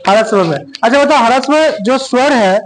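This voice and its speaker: A male teacher giving a grammar lesson, dictating slowly and repeating phrases word by word. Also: very high voice, slight background noise.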